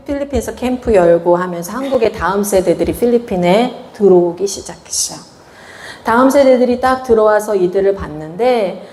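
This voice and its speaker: A woman missionary giving a lively testimony, acting out quotes with a raised voice and laughter. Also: medium pitch, echoey room. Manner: animated storytelling, acts out quotes with raised voice and laughter. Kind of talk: testimony sermon.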